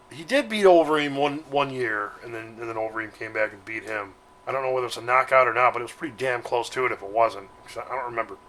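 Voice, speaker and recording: A man talks through his fight predictions in a loose, casual way. His voice is bright and forward, with a middling pitch. He stumbles and restarts often, drops in "man" and "you know," and swears without care. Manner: rambling, halting, with many restarts and "man"; loose and profane. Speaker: vlogger giving fight predictions. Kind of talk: casual chat.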